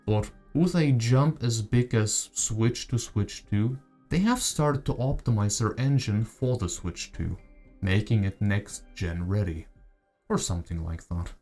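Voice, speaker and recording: Over background music, a gaming video essayist gives voice-over commentary in a lowish, darkish, unhurried voice. He's casual, conversational, and opinionated, frequently throwing out rhetorical questions.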